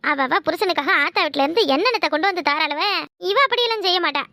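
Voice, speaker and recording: A nagging old mother-in-law from a cartoon, voiced by a woman, forever scolding and complaining. Her voice is piercingly high and bright. It is recorded dry and close. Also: expressive, quick pace, no echo, full character voice.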